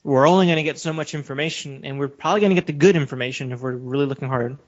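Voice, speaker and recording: A man from a Western country co-hosts a podcast, racing through his opinions in a casual yet assertive, emphatic way and steering the talk. His voice sits at medium pitch. The audio is dull and lo-fi.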